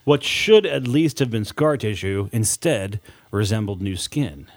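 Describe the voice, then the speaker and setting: An audiobook narrator reads scripted horror fiction in a dramatic, deliberate storytelling style with weighted pauses. His male voice is on the low side, with lively intonation.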